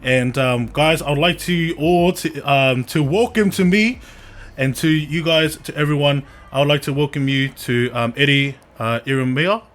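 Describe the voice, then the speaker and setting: Man, slightly high pitch, podcast host, casual chat, earnest, slangy, halting repetitions. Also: fairly bright tone.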